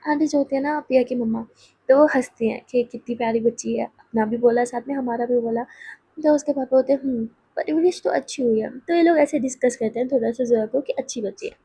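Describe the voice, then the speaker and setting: A woman's voice: a little high, fairly even intonation, fast, warm tone, slightly rough. A woman casually telling a love story, chatty and talking straight to her listeners. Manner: chatty, addresses listeners directly.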